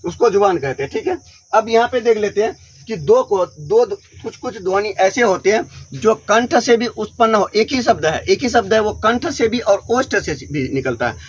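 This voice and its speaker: A man teaching a grammar lesson, who asks questions, answers them himself and sounds out letters slowly one by one. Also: high-pitched, animated, breathy edge.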